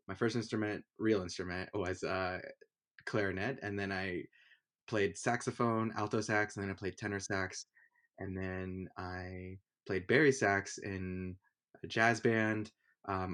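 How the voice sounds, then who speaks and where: A young man from Honduras, a music producer, talking casually in an interview with plenty of fillers and restarts. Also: fairly low pitch. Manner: relaxed, rambling with many fillers. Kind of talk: conversational interview.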